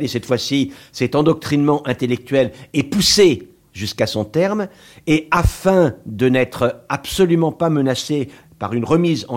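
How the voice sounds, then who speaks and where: A man speaking as a radio guest who explains ideas thoughtfully, with frequent hesitations. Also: mid-range voice. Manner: thoughtful, hesitant, many pauses. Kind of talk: radio discussion.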